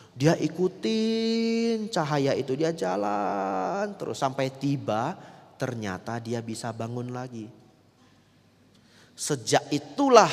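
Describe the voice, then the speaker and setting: A man, a Buddhist monk, telling a story in a sermon, speaking straight to his listeners and swinging between loud and soft. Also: medium pitch. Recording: echoey hall.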